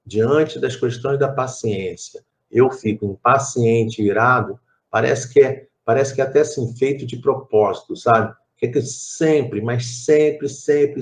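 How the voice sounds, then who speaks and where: A middle-aged Brazilian man with a Rio de Janeiro Portuguese accent leads a spiritist study group in a conversational way. His mid-range voice is a little mellow, and he tells stories full of asides and repeated phrases.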